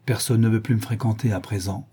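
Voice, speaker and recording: A man's voice: lowish voice, fairly even intonation, fairly quick, warm tone, husky. A man voicing a listless, indifferent young man lost to drugs, speaking with sighs in an audiobook. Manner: sighing, indifferent.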